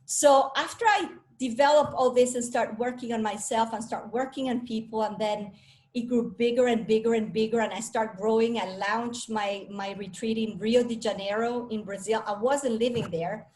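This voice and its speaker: Enthusiastic higher-voiced woman speaker from Venezuela. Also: fairly even intonation, normal speed, darkish tone. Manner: enthusiastic, self-assured, chatty with restarts. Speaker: speaker and coach. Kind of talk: talk to a live audience.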